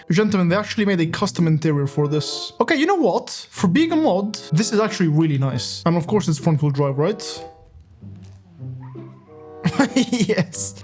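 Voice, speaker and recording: A young man streaming and commenting on a driving game in a casual, joking way, swearing often and laughing at his own crashes. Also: high-pitched.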